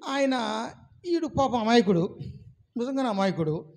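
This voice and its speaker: A man with a very high-pitched voice delivers a sermon as a pastor. He tells stories with animated, acted-out dialogue and keeps calling out questions to his congregation. His speech carries a flavour. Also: unhurried, slight background noise. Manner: animated storytelling, acts out a villager woman's words, calls out to the congregation.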